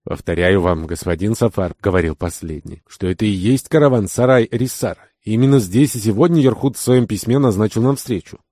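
A man reading an adventure novel aloud, narrating and voicing the dialogue himself, rising sharply in pitch and volume for angry lines. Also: brisk, hardly any pauses, warm tone, no echo, clean studio sound. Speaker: audiobook reader. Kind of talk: scripted narration with character dialogue.

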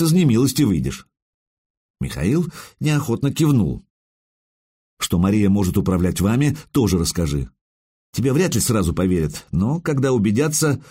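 A man narrating an audiobook in the first person, in an expressive, conversational way. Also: fairly low pitch, slightly rough.

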